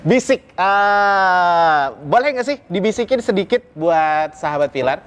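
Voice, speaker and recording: A man's voice: high-pitched, expressive, a little slow, fairly bright tone, clean tone. A man hosting a casual radio interview, informal and bantering, often doubling up short words as he prompts.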